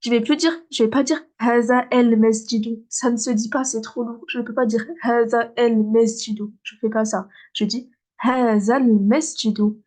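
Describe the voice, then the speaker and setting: Lady teaching beginner arabic, patient, says ok a lot, bit high voiced. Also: fairly even intonation, a little mellow. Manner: patient, repeats words slowly, checks with "ok?". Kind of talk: beginner lesson.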